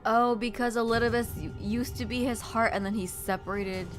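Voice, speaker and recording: A woman game streamer giving casual, giggly, expressive live reactions as she plays. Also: fairly high pitch, brisk. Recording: game music behind the voice.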